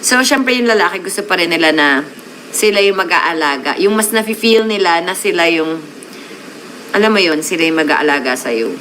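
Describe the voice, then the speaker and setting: A woman's voice: fairly low pitch, animated, moderate pace, fairly bright tone, slight background noise, low-quality recording. A woman hosting a casual live stream, chatting with her viewers and mixing English words into her Tagalog.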